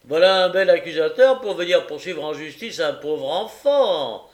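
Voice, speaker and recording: Gruff magistrate, read by a man, loud, high-pitched and scolding, gravelly edge, storybook. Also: a little slow. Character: gruff, grumbling male police magistrate.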